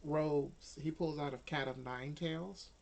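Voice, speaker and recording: Slow-spoken man running a tabletop game. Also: on the high side, steady tone, darkish tone. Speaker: game master.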